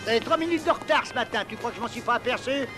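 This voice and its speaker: An actor playing a bossy, stingy older junk dealer in a dubbed film, grumbling in slang. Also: male voice, very high-pitched, racing, over music. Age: middle-aged or older.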